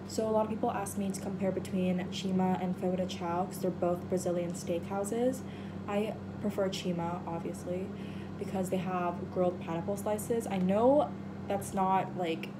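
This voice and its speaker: A young woman chats casually to a camera in her bedroom, recommending places with plenty of "like" fillers. Her voice sits a bit low for a woman. A strong steady hiss runs under the whole recording. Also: moderate pace. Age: young adult. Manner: chatty, frequent "like" fillers. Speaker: vlogger. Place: bedroom, indoors.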